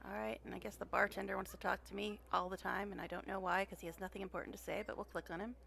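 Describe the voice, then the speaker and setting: A woman with a mid-pitched, creaky voice chats casually while streaming a game. She is playful and loose, with faint noise behind her. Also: level tone, fast talker, fairly bright tone. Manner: chatty, playful. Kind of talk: casual gameplay commentary, reads dialogue aloud.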